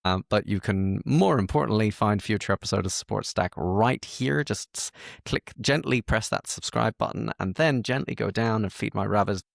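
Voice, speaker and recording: Playful and self-deprecating, this podcast host and support consultant runs a casual interview and walkthrough, repeating words frequently. His voice is lowish and gravelly at a normal speed, captured at studio quality with no echo.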